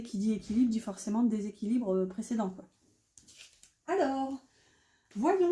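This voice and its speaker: A tarot reader chats casually as she reads cards, full of fillers and self-mocking asides. Her voice is a little high, soft and mellow. The room is echoey, with a little hiss or hum.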